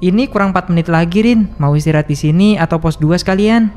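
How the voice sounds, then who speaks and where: For an animated horror story, a voice actor takes on the role of a level-headed hiking leader, guiding his friends and easing their nerves. His natural, mid-range voice is a little mellow and moves at a quick pace, staying calm, reassuring and instructive.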